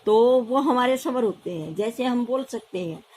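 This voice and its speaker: A woman's voice: on the high side, animated, normal speed, darkish tone, husky, rough recording. A woman primary school teacher with a Haryanvi Hindi accent, explaining a lesson patiently and repeating key terms. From India.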